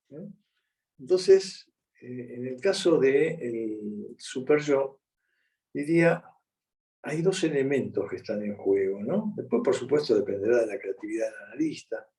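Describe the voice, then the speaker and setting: A man's voice: mid-range voice, takes it slowly, pauses often, mellow. A man with a Rioplatense Spanish accent giving a conversational conference lecture, often checking in with his audience. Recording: voice picked up from a distance.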